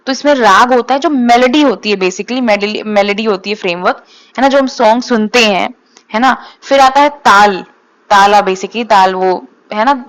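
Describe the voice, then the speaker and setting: A woman teaching as an exam coach, explaining points in a steady lecture and often checking in with her listeners. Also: a little high. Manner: explanatory, repeats key facts, frequent "thik hai" check-ins.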